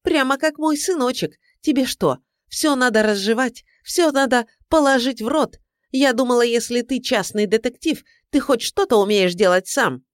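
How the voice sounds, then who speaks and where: Woman doing a screechy bossy mother-in-law, way up high, yelling and swooping all over, storybook style. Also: sing-song, moderate pace, dry recording, clean studio sound. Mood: furious. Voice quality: shrill, indignant, scolding. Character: domineering middle-aged mother-in-law, shrill and scheming. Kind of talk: audiobook character voice.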